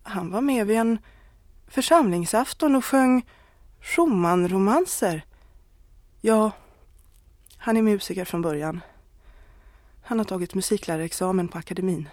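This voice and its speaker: A woman's voice: mid-range voice, expressive, long pauses, darkish tone, dry recording, natural voice. A woman voicing a married woman who confesses a love affair, earnest and pleading, close to tears. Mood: confessing.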